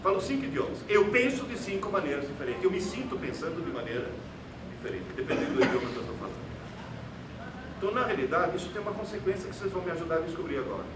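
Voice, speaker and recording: A high-pitched man whose first language isn't Portuguese delivers a rapid-fire, emphatic and sarcastic lecture to an auditorium, his pitch swinging widely with theatrical flair. The distant mic picks him up in a roomy, echoey hall, and the audio is noisy.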